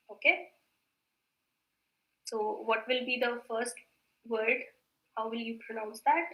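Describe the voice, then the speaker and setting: A woman teaching a Korean grammar class online, patient and repetitive, often clearing her throat and mixing in Hindi. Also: fairly high pitch, fairly even intonation, reverberant, lo-fi sound. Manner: patient, repeats words slowly, mixes in Hindi.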